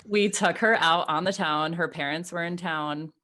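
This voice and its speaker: A woman's voice: on the low side, moderate pace, background noise. A woman in her thirties co-hosting a podcast, animatedly telling stories among friends and laughing. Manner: animated storyteller, laughs while talking. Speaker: podcast co-host. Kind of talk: casual chat, storytelling.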